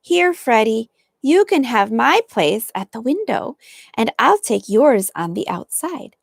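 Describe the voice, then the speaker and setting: A woman's voice: sing-song, unhurried, vocal fry, husky, no echo, clean studio sound, exaggerated voice. A woman doing an eager little girl. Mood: pleading. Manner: pleading, raised pitch. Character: young girl twin, eager and whiny.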